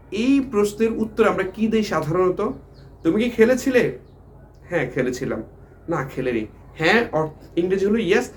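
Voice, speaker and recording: A man's voice: high voice, a little mellow, a little hiss or hum. A man teaching English grammar who keeps asking his viewers questions and then answering them himself, repeating the key words. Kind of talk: grammar lesson explaining at a board.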